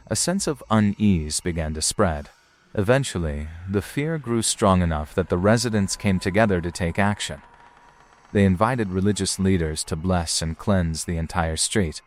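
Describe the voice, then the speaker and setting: A man giving a scripted, suspenseful narration in a deliberate, ominous storytelling manner. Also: sits low. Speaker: narrator of paranormal footage compilation.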